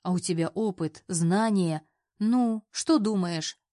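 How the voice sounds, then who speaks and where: A woman's voice: medium pitch, slow, dark tone, no echo, clean studio sound, close to an everyday voice. A woman voicing a cheerful, persuasive older uncle who talks in a folksy, coaxing manner.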